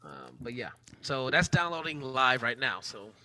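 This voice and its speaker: A man in his thirties co-hosting a podcast, chatting casually, excitable and swearing often. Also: mid-range voice, moderate pace. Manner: excitable, swears often, bursts into loud laughter. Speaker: podcast co-host. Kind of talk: casual chat.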